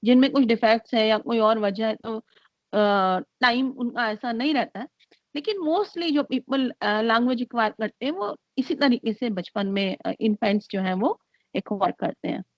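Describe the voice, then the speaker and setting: A woman giving an online lecture, speaking slowly and hesitantly with many fillers, mixing Hindi and English. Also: fairly high pitch, no room sound. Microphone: computer mic on a video call. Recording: dry, dull lo-fi call audio.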